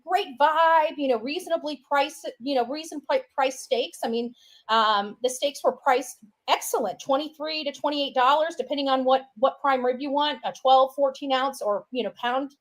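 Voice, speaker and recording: Her voice sits high and moves at a moderate pace. She gives a rambling, opinionated, casual monologue, often repeating herself and filling gaps with "you know" and "right."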